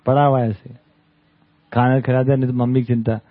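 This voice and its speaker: Speaking fairly quickly in a level, medium-pitched voice, a camp speaker holds a conversational talk for a study group. The setting is a camp hall with an audience, and he often checks in with brief tag questions. Everything comes through with a tinny, phone-like quality.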